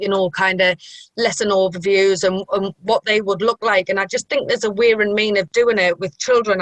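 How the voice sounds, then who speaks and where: Young woman, strong Mackem accent from Sunderland, mid-pitched, earnest and discursive interview talk, dry recording. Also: a bit bright, no room sound, poor audio. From Sunderland, England. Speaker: sociology group member being interviewed.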